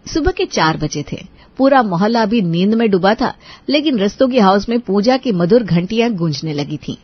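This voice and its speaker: A woman giving scripted storybook narration for a cartoon, telling the story smoothly and evenly. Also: medium pitch, animated, moderate pace, no room sound, highs cut off.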